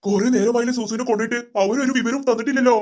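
A performer voicing an anxious grown man waiting at a hospital, in a cartoon, talking in a slow, worried, pleading way. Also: very high-pitched, steady tone, darkish tone, pitched below the performer's own voice. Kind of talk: cartoon voice acting.

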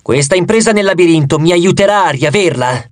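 A man's voice: high-pitched, animated, a little fast, dry recording. A man voicing an imperious boy who demands answers about his sister. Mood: insistent.

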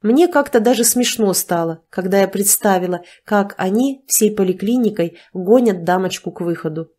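A woman narrating a first-person audiobook in an even storytelling manner. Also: mid-range voice, normal speed.

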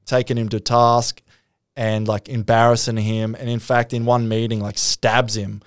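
A man's voice: medium pitch, little pitch movement, moderate pace, clean tone, dry recording, studio quality. An Australian man co-hosting a podcast, telling a crime story in a rambling, swearing way, putting on voices for the people he quotes. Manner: rambling, profane, acts out quotes. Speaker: podcast co-host. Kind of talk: casual storytelling chat.

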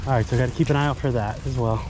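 A man in the middle of his pitch range gives a chatty running commentary while he fishes outdoors, sometimes talking straight to the fish. It is recorded on an action camera by a lake, with a clear layer of outdoor noise under his voice. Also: fairly even intonation, rapid-fire. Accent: South Florida English. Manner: chatty, self-narrating, mutters to the fish. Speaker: fishing vlogger. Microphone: action camera on body or bike.

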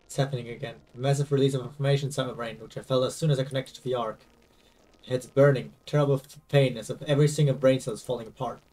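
A man's voice: mid-range voice, fairly even intonation, quick pace, warm tone, far from the mic, natural voice. A man reading aloud as a young male game protagonist, confused and anxious, over faint game music. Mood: pained.

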